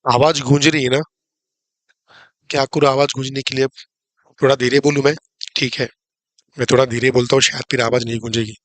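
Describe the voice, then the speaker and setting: A man's voice: medium pitch, level tone, a little fast, pauses often, no room sound. A man teaching a live online maths class, explaining step by step, repeating key points and joking with the students. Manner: chatty, jokes with students about the live class.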